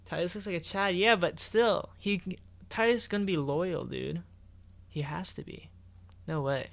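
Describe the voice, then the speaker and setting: Background music accompanies a man whose high-pitched voice is creaky and fairly bright, delivered at normal speed. He's a game streamer chatting casually, reacting to forum posts with lots of slang.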